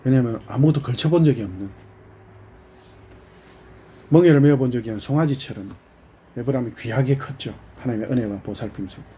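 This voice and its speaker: A male pastor preaches with a dark, mellow voice that carries a husky edge. He delivers an animated sermon, switching back and forth between speaking for God and for the people. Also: mid-range voice, quick pace, pauses often.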